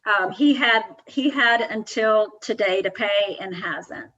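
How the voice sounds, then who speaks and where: A woman working as a court clerk, calling cases over a conference call in a brisk, businesslike way. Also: mid-range voice, pushed and bright, lo-fi sound. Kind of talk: running a court docket.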